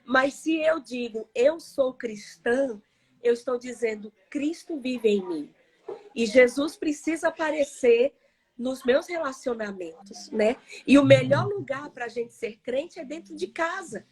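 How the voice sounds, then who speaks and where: A woman's voice: high-pitched, animated, measured pace. A middle-aged woman, a pastor's wife speaking earnestly as a guest, in a preaching tone. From São Paulo, Brazil. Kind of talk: sermon-like talk in a live interview.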